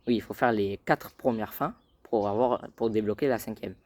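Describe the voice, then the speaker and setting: Rambling low-voiced man vlogging. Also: moderate pace, a little mellow. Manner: rambling and hesitant, full of fillers and repeats; keeps addressing viewers as "les gars". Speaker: gaming channel host. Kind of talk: casual vlog chat.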